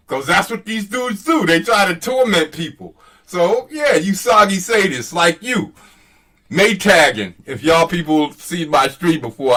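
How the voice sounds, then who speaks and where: Bright-voiced man, slow-paced and mocking. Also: on the high side, far from the mic. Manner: mocking, profane, chuckling at his own jabs. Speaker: host. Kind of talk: casual rambling commentary, reading out online exchanges.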